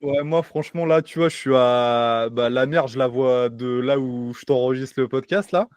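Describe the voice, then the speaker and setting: A man's voice: medium pitch, moderate pace, darkish tone, dry recording. A man hosting a casual podcast, talking loosely with many fillers and restarts. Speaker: podcast host. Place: home by the sea.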